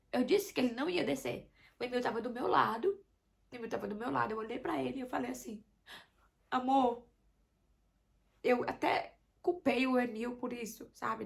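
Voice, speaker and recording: A young woman, telling her own birth story and acting out her past pleas. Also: vocal fry. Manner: reenacts her own pleading in a higher, louder voice. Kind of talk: emotional personal storytelling.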